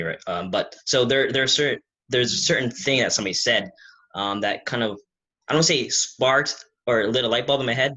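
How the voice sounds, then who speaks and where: A man's voice: lowish voice, sharp tone, breathy edge, rough recording. A man hosting an interview, asking long questions with many restarts and repeated words. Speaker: interview host.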